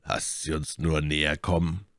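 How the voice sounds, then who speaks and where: A man voices a composed musketeer taking command in an audiobook adventure, speaking character dialogue with cool, wry calm. His very low voice is measured and authoritative, recorded dry and close with no room sound.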